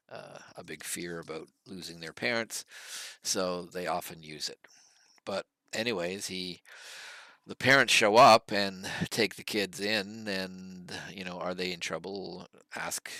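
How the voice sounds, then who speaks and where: A man's voice: low-pitched, sharp tone, dry recording. A man casually recapping a TV episode, rambling with lots of fillers and restarts and dropping wry, dry sarcasm along the way. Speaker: TV episode reviewer.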